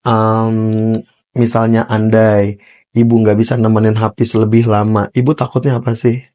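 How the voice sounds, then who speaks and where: A woman interviewer asking tactful questions and prompting softly with short murmurs of agreement. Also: a bass voice, level tone, moderate pace.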